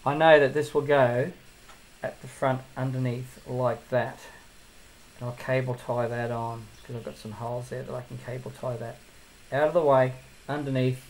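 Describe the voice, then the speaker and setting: A man's voice: mid-range voice, little pitch movement, normal speed, slight background noise, poor audio. A man giving a casual hands-on tutorial as he builds a drone, thinking aloud and drifting into asides.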